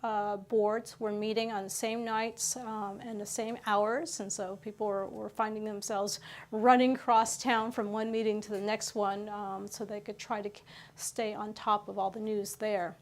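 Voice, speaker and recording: A woman hosts a local news program, talking through the stories conversationally with frequent pauses and fillers. Her voice is medium-pitched and her delivery flat.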